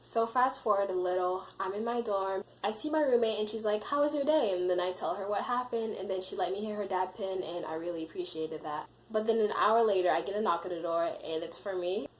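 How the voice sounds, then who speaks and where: A woman's voice: medium pitch, fairly quick, few pauses, poor audio. A young adult woman casually telling a personal story to camera, full of "you know" and "like". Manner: chatty, leans on fillers like "you know" and "like". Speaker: vlogger.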